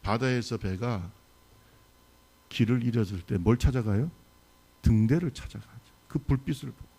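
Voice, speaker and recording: A man's voice: medium pitch, normal speed, gravelly, mellow, husky. A male pastor preaching a sermon in a church service, telling a story with animation and putting questions to the congregation.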